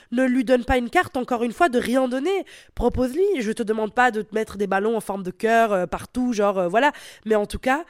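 A woman's voice: on the high side, dry recording, studio quality. A young woman hosting a casual advice podcast, blunt and playful, swearing freely and talking straight to the listener, a little sick, on a headset mic. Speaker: podcast host.

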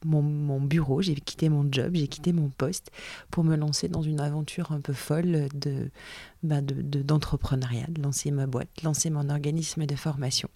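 A woman's voice: deep voice, fairly even intonation, normal speed, warm tone, no room sound. A woman in her forties hosting her own podcast, talking in a chatty, reflective way with many fillers and restarts. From France. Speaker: podcast host, training business owner. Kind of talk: casual solo podcast talk.

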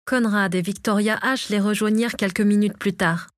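A woman reads a storybook chapter aloud, calm and even, at a middling pitch. The recording is dry and close, with no room sound. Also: moderate pace, no echo. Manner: reads all characters herself, lightly varying her voice. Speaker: audiobook narrator. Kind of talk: scripted storybook narration.

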